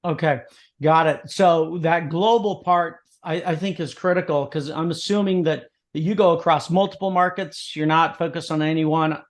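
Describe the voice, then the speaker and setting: Chatty, high-voiced male podcast host. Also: steady tone. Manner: chatty, jokey, quick bursts of speech. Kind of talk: casual interview.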